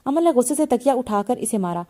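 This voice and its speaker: A woman's voice: a little high, lively intonation, quick pace, mellow. A woman reading a romance novel aloud and voicing its characters herself, often stumbling and restarting her words. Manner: reads all the characters in a lightly shifted voice, with frequent slips and restarts. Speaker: novel reader.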